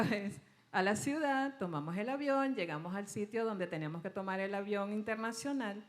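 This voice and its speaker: Woman pastor telling a story. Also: a little high. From Venezuela. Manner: storytelling, acts out dialogue, laughs at herself. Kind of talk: sermon with personal story.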